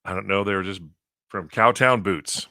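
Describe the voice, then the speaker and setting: A man with a low, deep voice that still rings bright and forward. He chats and spins stories on morning radio with an easy laugh, and the sound is close and dry. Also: moderate pace, dry recording. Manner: chatty storyteller, laughs often. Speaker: radio show co-host. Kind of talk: casual morning radio banter.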